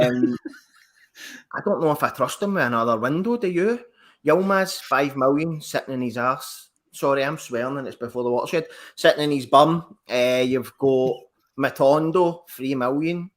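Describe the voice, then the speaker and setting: A Scottish man chatting as a guest on a football podcast, joking, swearing and laughing often. His voice sits at a middling pitch. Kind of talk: casual football banter.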